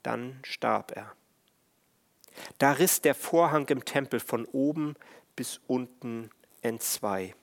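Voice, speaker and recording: A man preaching a sermon on the Passion in a slow, measured, solemn way. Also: medium pitch, vocal fry. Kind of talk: sermon on the stations of the cross.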